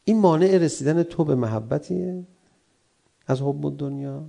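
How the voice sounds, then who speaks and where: Gravelly-voiced man preaching a sermon. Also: on the high side. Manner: animated, acts out quarrelling spouses in raised voices. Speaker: cleric.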